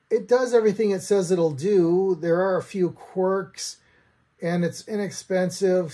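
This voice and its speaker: Indoors in a small room at home, a middle-aged American man reviews a product to camera with dry, wry humor. His voice is a little high for a man but soft-edged and mellow, with a husky grain.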